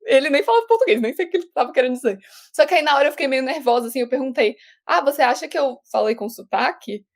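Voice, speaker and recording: A young woman from Brazil, an actor, chatting casually as a guest over a remote call, talking with many restarts and quick laughs. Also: high-pitched, expressive. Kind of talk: casual interview chat.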